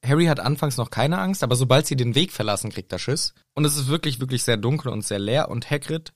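Ein Mann, der in einer lockeren Podcast-Runde verspielt eine Geschichte nacherzählt. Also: male voice, medium pitch, expressive, fast talker, no room sound, studio quality. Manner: playful, acts out quotes. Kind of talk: casual chat, retelling a story.

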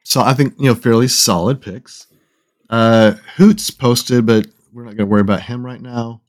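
A man hosting a casual gaming podcast, talking in halting starts and reading listener lists aloud. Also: mid-range voice, steady tone. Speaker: podcast host.

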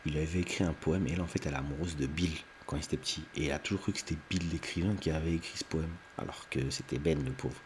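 A man's voice: very deep voice, quick pace, hardly any pauses, a little hiss or hum. A man hosting a video, retelling a TV film's plot in an unedited, rambling way with many fillers and restarts, now and then acting out lines in a raised voice. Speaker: video host recapping a TV film.

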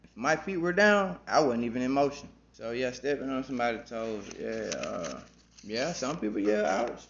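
A man's voice: medium pitch, expressive, moderate pace, creaky, fairly bright tone, slight background noise. A man with a Southern US accent co-hosting a podcast in casual chat. He talks loose and playful, repeats his words and uses slang. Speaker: podcast co-host. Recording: roomy, slightly dull podcast audio.

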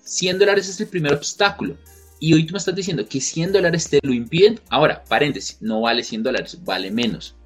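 A man's voice: fairly high pitch, a little fast, breathy edge, soft background music. A man giving a motivational talk to camera, emphatic and repetitive, firing rhetorical questions at the listener. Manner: acts out quoted people. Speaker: motivational coach.

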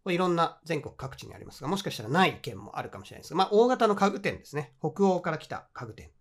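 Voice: medium pitch, big pitch swings, racing. An English teacher with a Japanese accent, explaining grammar points in a friendly, encouraging way.

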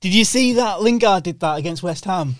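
A man's voice: high voice, animated, a little fast, dry recording. A man co-hosting in casual banter, laughing often and feeding questions. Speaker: podcast co-host.

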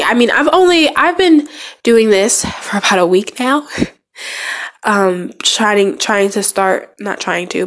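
A young woman with a stuffy cold, giving a personal motivational talk in a halting way, full of fillers and restarts. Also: medium pitch. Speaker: speaker sharing goals.

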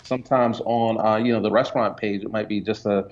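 A man's voice: on the low side, brisk. A man from Jamaica, a guest entrepreneur and photographer, talking casually in an interview with many fillers. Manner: relaxed, conversational, many fillers. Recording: dull lo-fi sound.

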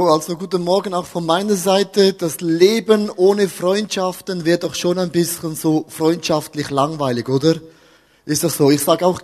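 A man's voice: fairly high pitch, a little mellow, in a large hall. Man preaching with humor. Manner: humorous, talks to the audience with questions. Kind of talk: lively sermon with stories. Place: church hall with audience.

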